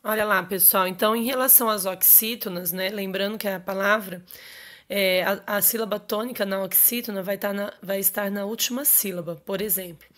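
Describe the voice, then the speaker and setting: A woman's voice: medium pitch, steady tone, brisk, fairly bright tone. A woman teacher explaining grammar rules to her students, checking in often with short questions. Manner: explanatory, checks in with frequent "ok?" and "certo?". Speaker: Portuguese teacher. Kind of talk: recorded online grammar lesson.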